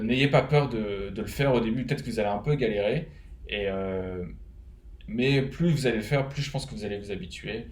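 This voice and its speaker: Speaking from his home in Canada, a man originally from France offers fellow web developers some loose, rambling advice in a French accent, frequently restarting and using fillers. The recording is reverberant and his voice lowish.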